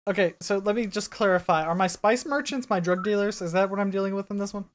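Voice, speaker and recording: A man running a tabletop game, relaxed and laughing, chatting with his players. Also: high voice, fast. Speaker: game master.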